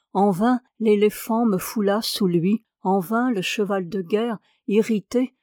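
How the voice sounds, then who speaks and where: A woman voicing a cursed ancient wandering man, raging and despairing, in a slow, grave declamation. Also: mid-range voice, darkish tone, dry recording, clean studio sound, close to an everyday voice.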